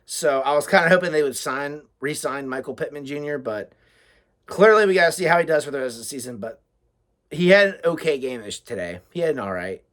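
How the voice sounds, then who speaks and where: Blunt American guy ranting, higher-pitched voice. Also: lively intonation, fairly quick, fairly bright tone. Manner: blunt, exasperated, heavy swearing. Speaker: sports fan giving a game reaction. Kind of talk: casual unscripted sports rant.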